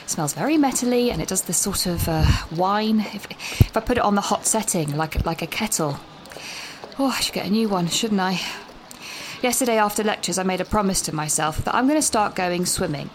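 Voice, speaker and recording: In this audio drama voice message, a young British uni student, played by an actress, walks outdoors while nervously rambling, cutting herself off and gasping for breath. The delivery is brisk, expressive and medium-pitched, close to an everyday voice, with background noise.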